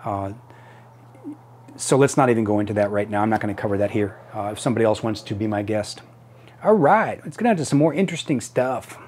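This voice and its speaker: Halting middle-aged man giving a casual tutorial. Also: lowish voice, expressive, darkish tone, slight background noise. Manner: halting, thinking aloud as he demonstrates. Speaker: tutorial presenter. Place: small home office room.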